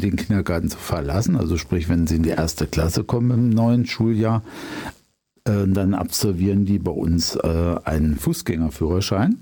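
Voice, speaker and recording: A man's voice: on the low side, mellow. A man in his fifties, a police traffic educator, explaining his work in a radio interview with frequent hesitations. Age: 50s. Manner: explaining, many fillers.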